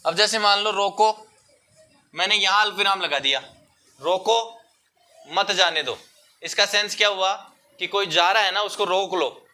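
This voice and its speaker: A young male teacher explains a lesson to his pupils in a classroom, patient and careful. His voice sits high and rings very bright, and he slips English words into his talk. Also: normal speed, clean tone. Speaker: school teacher.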